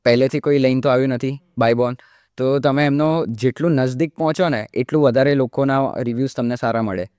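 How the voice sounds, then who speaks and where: A man's voice: medium pitch, a little fast, clean tone, no room sound, studio quality. A young man in his early twenties, a mimicry artist from India, talking casually as a podcast guest and sprinkling in English fillers. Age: young adult, early 20s. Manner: relaxed explaining, often drops in English fillers like "like". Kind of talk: casual interview talk.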